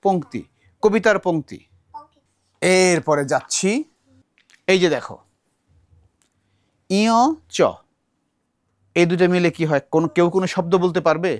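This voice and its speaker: A man's voice: sits high, a little slow, pauses often, dry recording, clean studio sound. A man from Bangladesh teaching a recitation class, patiently explaining and repeating words aloud to model how they are said. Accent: Bangladeshi Bengali. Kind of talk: classroom lesson.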